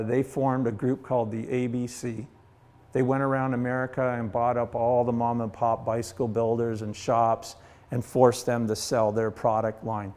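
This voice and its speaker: A man's voice: mid-range voice, darkish tone. A middle-aged Canadian man giving a casual guided tour of his collection, telling stories in a folksy way and acting out the people he quotes. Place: heritage centre exhibit hall.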